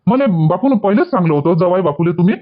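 Brief: a soothing middle-aged father-in-law, Varhadi accent, quick, dull lo-fi sound. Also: sits high, animated. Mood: placating. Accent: Varhadi Marathi. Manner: soothing, coaxing.

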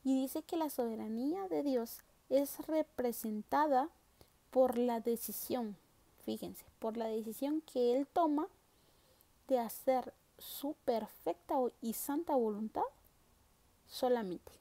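A woman teaching a Bible lesson to primary school children, explaining slowly, stressing key words and asking rhetorical questions. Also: on the high side, gravelly, warm tone. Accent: Central American Spanish.

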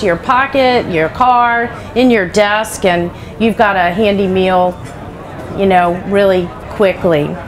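A woman's voice: medium pitch, a little hiss or hum. A middle-aged woman chef giving a live cooking demonstration on a trade show stage, talking in a chatty, practical way with lots of asides. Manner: chatty, practical, many "you know" asides. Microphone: headset.

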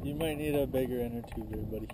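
A man's voice: medium pitch, fast talker. A man chatting and joking with friends outdoors by the water, recorded on an old camcorder. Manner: joking, cheering onlookers. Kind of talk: casual home-video chat. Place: outdoors on a lake dock. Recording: noisy outdoor camcorder audio.

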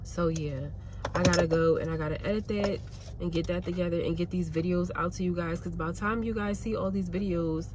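A woman's voice: lowish voice, steady tone, brisk. Chatty woman vlogging from her car. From Pennsylvania. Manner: candid, rambling, uses y'all and like a lot. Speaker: nail tech and salon owner. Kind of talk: casual vlog chat. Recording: car and street noise behind.

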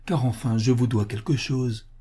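A man's voice: medium pitch, steady tone, moderate pace, dark tone, slightly rough, close to an everyday voice. A man voicing an anxious, grateful working-class father who speaks earnestly, his voice lifting with eagerness.

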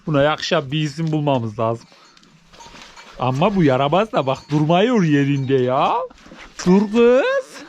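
A man's voice: lively intonation, moderate pace, a little hiss or hum. Man cooing at newborn goats. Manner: coos and baby-talks at animals, rising high and loud; drops to soft, low chatter when explaining. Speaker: village vlogger tending goats. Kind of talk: casual chat to camera while doing farm chores. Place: outdoors at a snowy farm barn.

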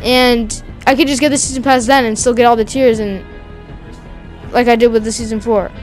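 A woman talking casually over her own gameplay, excitable and slangy, yelling and laughing at the game. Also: on the high side, normal speed, faint music behind. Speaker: gamer streaming gameplay.

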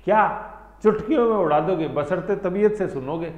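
A man's voice: high voice, moderate pace, a little mellow. A man teaching an exam-prep history lesson, playful and teasing as he quizzes his students. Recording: echoey room, slightly dull sound.

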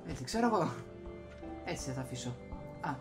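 A young Greek man with a slightly high, animated voice hosts a video with casual gameplay commentary, muttering to himself as he plays. He's in a small room at home on a desktop USB microphone, with loud music behind him.

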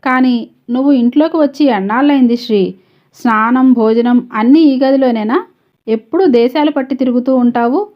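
A woman's voice: high-pitched, moderate pace, lo-fi sound, natural voice. A woman doing a tender pleading stepmother. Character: loving middle-aged stepmother, pleading.

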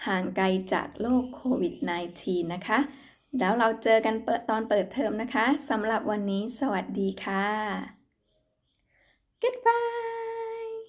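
A woman teaching English numbers to young children in a recorded online lesson, speaking English with a Thai accent. She talks slowly and patiently, repeating each word and spelling it out letter by letter. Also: mid-range voice, steady tone. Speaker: primary school English teacher.

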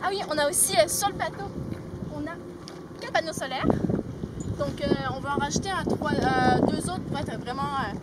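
A young woman shows off her sailboat in an easygoing, halting way, her voice sitting high. Loud wind and water noise rush over the action-camera recording on an open deck. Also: far from the mic. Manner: relaxed, many "euh" fillers, light laughs. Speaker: sailboat owner giving a tour. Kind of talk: casual video tour. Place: sailboat cabin, then open deck outdoors.

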